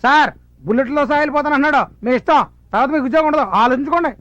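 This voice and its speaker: An actor playing a fawning, meddling police constable who talks like a wheedling go-between. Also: male voice, extremely high pitch, rapid-fire, a bit bright, no echo. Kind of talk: Telugu film comedy acting. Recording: dull film soundtrack.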